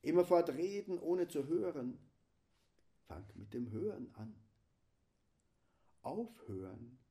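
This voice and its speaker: A man delivering a slow, solemn spiritual meditation, often sinking into a hushed whisper. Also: on the high side, animated. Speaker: preacher.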